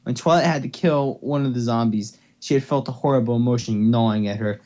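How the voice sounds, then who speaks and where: A young man with a medium-pitched, dark-toned voice reads a story briskly in a casual, amateur way, playful and stumbling, tossing in offhand asides. The sound is muffled, as if picked up by a headset or desktop mic on a voice call.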